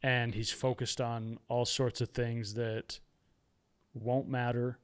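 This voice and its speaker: This guest, a man who writes and hosts a podcast of his own, speaks slowly in a smooth, medium-pitched voice with flat delivery. The talk is a reflective, casual conversation in which he discusses himself candidly and with self-deprecating humor.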